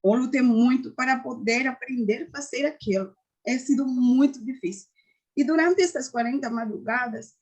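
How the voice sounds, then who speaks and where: A woman giving an earnest personal faith testimony, often halting and restarting. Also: a little high. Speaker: testimony giver.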